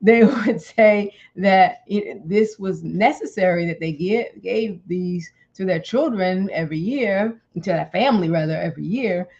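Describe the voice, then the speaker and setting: A woman's voice: lowish voice, measured pace, few pauses, darkish tone, muffled recording. A woman hosting a casual live health talk, chatty and rambling, often restarting her sentences and laughing easily. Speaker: health channel host.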